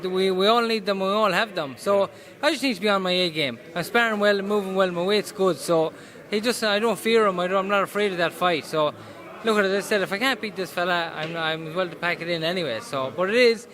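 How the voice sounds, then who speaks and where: A professional boxer with a west of Ireland Mayo accent answers interview questions casually inside a boxing gym, with busy gym noise behind him. His voice sits high, brisk and fairly bright. He's earnest and often repeats his phrases.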